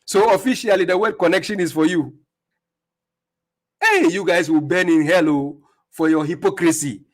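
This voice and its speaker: A religious livestream host with a voice on the high side argues at a moderate pace, picked up by his streaming setup. His rebuttal is combative and taunting, and he mocks and laughs at his opponents while stumbling over repeated words.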